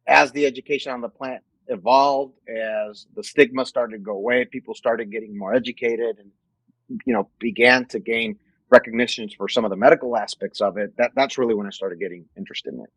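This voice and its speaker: A man around forty from Mexico, a guest in an interview, answering in a measured way and restarting phrases as he thinks. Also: mid-range voice, dry recording, rough recording. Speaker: guest, company executive. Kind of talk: casual interview.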